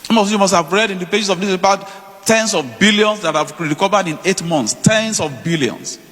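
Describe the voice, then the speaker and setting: A man's voice: high voice, moderate pace, a bit bright. A man with a Nigerian accent giving a public speech as an official, emphatic, with rhetorical repetition and pointed questions. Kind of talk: public address, oratory. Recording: reverberant hall, long echo.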